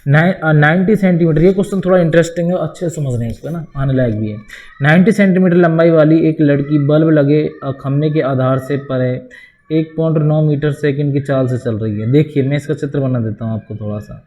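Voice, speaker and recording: A man with a warm, brisk voice on the high side takes his class through board-exam maths one step at a time. He asks questions and supplies the answers himself, repeatedly calling his students "bhai."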